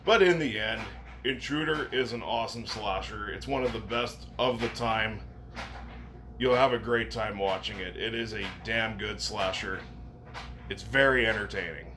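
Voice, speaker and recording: A man's voice: fairly low pitch, normal speed. A man giving a casual, enthusiastic movie review with some swearing. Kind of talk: casual film review to camera. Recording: noticeable background noise.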